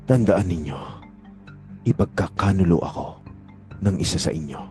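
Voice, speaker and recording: Man acting a deep, solemn Jesus, mellow voice. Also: normal speed, soft background music, lightly acted. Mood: grave. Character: Jesus, solemn, authoritative male teacher addressing his disciples. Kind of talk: audio Bible drama acting.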